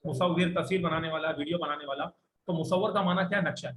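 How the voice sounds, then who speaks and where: A man with a Pakistani Urdu accent teaching an Arabic class, spelling words out slowly and having students repeat and correcting them. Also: a little high, fairly even intonation, a bit bright. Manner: drills pronunciation slowly word by word, corrects students. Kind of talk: classroom language lesson, streamed online. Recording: echoey classroom with faint background noise.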